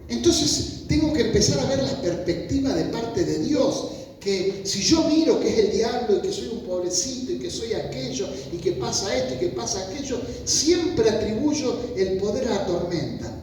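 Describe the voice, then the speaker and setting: A man's voice: extremely high pitch, animated, normal speed, darkish tone, a little hiss or hum. A man with a Rioplatense Spanish accent preaching a sermon, telling stories in a loose, conversational way and acting out pleading voices. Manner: informal storytelling preaching, acts out pleading voices. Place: church meeting hall. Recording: echoey hall, voice from far off.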